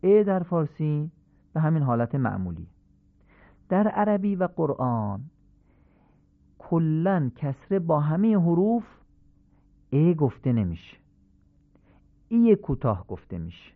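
A man teaching Quranic pronunciation on a radio program, drilling syllables slowly and deliberately. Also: a little high, sing-song. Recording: tinny phone-like radio sound.

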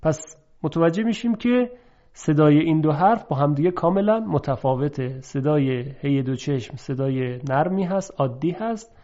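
A man teaching a pronunciation lesson, explaining methodically and drawing out example words slowly. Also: fairly high pitch, mellow. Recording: dull lo-fi recording.

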